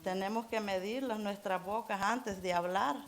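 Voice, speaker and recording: A middle-aged woman giving an informal church sermon in an earnest, halting way, restarting phrases and repeating words as she goes. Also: mid-range voice. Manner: keeps urging listeners to imagine. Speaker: church member preaching.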